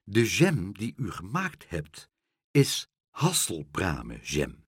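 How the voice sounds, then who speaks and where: A man voicing a kind, solemn gentleman in a storybook reading. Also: low-pitched, wildly swooping pitch, slightly rough, dry recording, studio quality, voice pushed down, heavily acted. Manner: solemn, measured.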